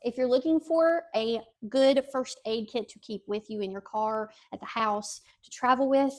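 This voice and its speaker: A woman's voice: fairly high pitch, moderate pace. A middle-aged woman giving a casual, friendly product review in a conversational, explanatory way.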